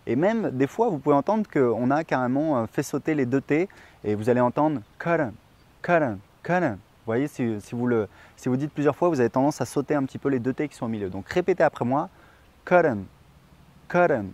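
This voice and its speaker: A young man whose first language is French gives a casual online pronunciation lesson, chatting with many fillers and saying example words slowly to demonstrate. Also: medium pitch, animated, a little mellow. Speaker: English teacher.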